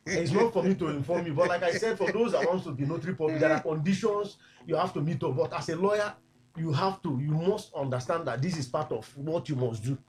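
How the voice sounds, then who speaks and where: A man's voice: fairly high pitch, fast talker. A man, a lawyer guest on a radio talk show, explaining insistently and at length. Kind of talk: casual studio chat.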